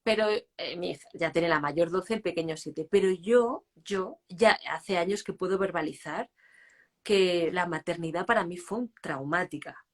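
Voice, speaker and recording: A woman's voice: on the low side, moderate pace. A woman in her forties hosting an interview, speaking candidly and reflectively about her own life. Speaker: host. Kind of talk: casual interview talk. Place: live online stream.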